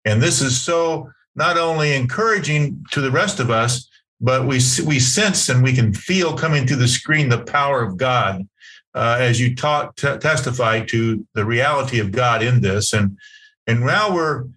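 A man's voice: mid-range voice, moderate pace, fairly bright tone, rough recording. A man hosting a faith video meeting, encouraging and affirming, with fillers and restarts, on a video call. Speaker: host.

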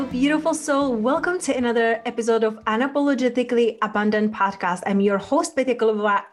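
A woman hosting a podcast interview, speaking in an effusive, affirming way to her guest. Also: fairly high pitch. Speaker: podcast host.

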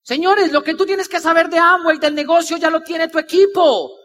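A man giving an animated, repetitive motivational talk to a crowd, acting out the people he quotes. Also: very high-pitched, normal speed. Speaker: motivational speaker. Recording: live talk with long hall reverb.

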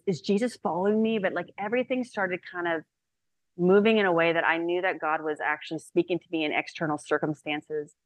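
Woman, 30s, low voice, dry close recording; chatty podcast testimony full of "like" and "um". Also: no room sound. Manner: chatty and animated, with many "like"s and "um"s. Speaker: guest speaker.

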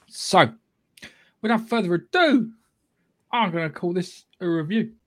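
A man's voice: sits high, lively intonation, heavy background noise. British man hosting a casual podcast. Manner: halting, sweary, opinionated. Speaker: podcast host. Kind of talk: casual film review chat.

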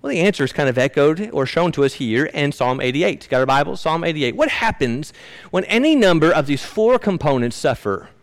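A man's voice: on the high side, sing-song, fairly quick. A man preaching a sermon as pastor, earnestly putting rhetorical questions to his congregation. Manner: reads scripture aloud with rising emotional emphasis.

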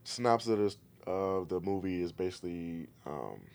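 A man speaking as a podcast guest in casual chat, laid-back and halting as he explains things. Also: deep voice, animated, a little mellow. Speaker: podcast guest, trainer and massage therapist.

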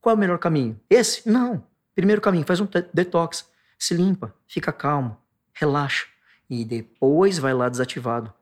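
A man with a Brazilian Portuguese accent, a guest explaining stress and anxiety. He acts out angry outbursts in sharp bursts, then drops to a soft, low tone for the calm points. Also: moderate pace.

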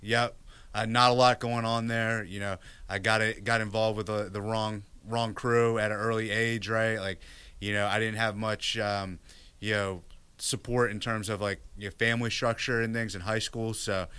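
Low, flat-voiced man, bright and clear. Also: moderate pace, no echo. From Virginia, United States. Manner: candid, restarts with many fillers. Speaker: guest. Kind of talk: casual interview.

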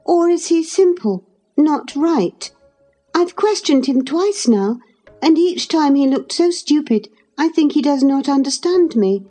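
A woman voicing a headstrong teenage girl, speaking in a high, eager and indignant way over faint music. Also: lively intonation, a little slow, mellow. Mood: puzzled.

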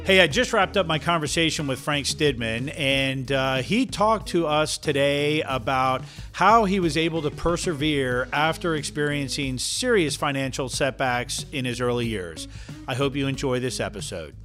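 A man's voice: mid-range voice, moderate pace, bright, forceful tone, soft background music. Chatty male podcast host, Danish-born. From Denmark. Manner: chatty, many fillers and restarts. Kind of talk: casual interview chat.

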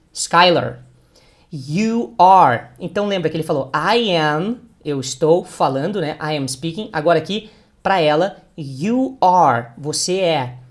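A man walks a learner through English pronunciation at a deliberate, unhurried pace. He breaks words into their sounds and drills them patiently, asking the student to repeat after him. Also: on the high side. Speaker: English teacher. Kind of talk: pronunciation lesson.

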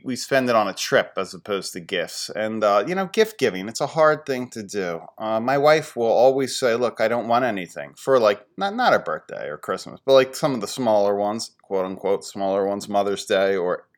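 A man in his forties from the Philadelphia area, hosting a podcast and telling casual, rambling, self-deprecating stories, getting animated when he quotes his friends. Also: fairly low pitch. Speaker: podcast host. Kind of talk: casual storytelling monologue.

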